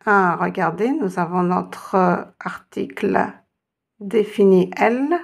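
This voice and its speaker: A woman's voice: medium pitch, takes it slowly, gravelly, slightly rough. A woman teaching Arabic reading, patiently encouraging her students and drawing out each sound. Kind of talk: reading lesson.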